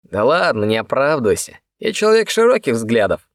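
A man's voice: mid-range voice, sing-song, brisk, no echo, clean studio sound. A man voicing a wry, cocky young man with a mocking, teasing manner. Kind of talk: audiobook character voice.

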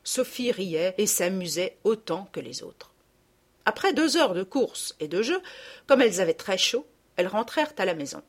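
A woman reading a children's storybook aloud, in an expressive narrating voice. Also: mid-range voice, normal speed. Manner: expressive, lively. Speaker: reader.

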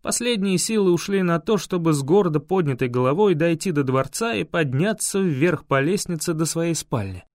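A man's voice: a little high, expressive, moderate pace, hardly any pauses, dry recording, studio quality. A man narrating a fantasy audiobook in the first person, telling it steadily and voicing each character.

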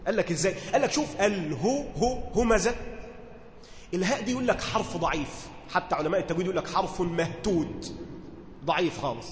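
Explaining Quran commentary in a religious lesson, a man with an Egyptian accent and a high, light voice shifts between formal reading and casual dialect, often stopping to quiz listeners on their understanding. He talks quickly and conversationally, recorded with a long, roomy hall reverb, faint ambience, and slight hiss or hum.

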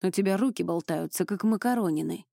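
A woman's voice: fairly low pitch, brisk, gravelly, dark tone, dry recording, studio quality. A woman reading an audiobook, voicing a strict young male drill instructor who barks commands. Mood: commanding. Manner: barking commands.

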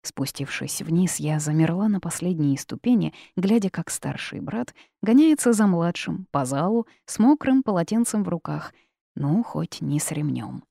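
A woman narrating a first-person audiobook in a lively, ironic manner. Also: on the low side, moderate pace, vocal fry, no echo, studio quality.

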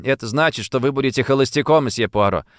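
A man's voice: medium pitch, quick pace, no echo, studio quality, pitched above the performer's own voice, lightly acted. A man doing an eager, greedy teenage boy.

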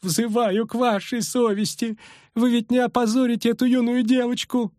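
A man doing a shrill wailing old noblewoman. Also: flat delivery, a little mellow, no room sound, clean studio sound. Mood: indignant. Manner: wailing, slow and drawn out. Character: shrill older noblewoman chaperone, indignant.

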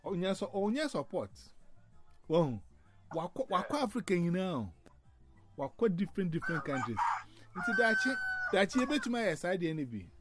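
A man's voice: high-pitched, normal speed, pauses often. A man with a Ghanaian accent, a native Twi speaker, chatting casually and mixing Twi with English. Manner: lively, switches between Twi and English, laughs often. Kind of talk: casual chat.

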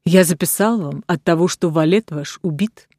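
A woman's voice: fairly low pitch, moderate pace, dark tone, dry recording, clean studio sound, lightly acted. A woman reading as a cold sneering count. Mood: mocking. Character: cold mocking nobleman count, card gambler, duelist.

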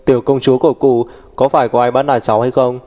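A doting old great-grandfather, voiced by a male audiobook reader, in a mellow, darker voice. He fusses over the little ones with cheerful exclamations. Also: mid-range voice, flat delivery, fast talker, soft background music, natural voice. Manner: warm, fussing and cheerful.

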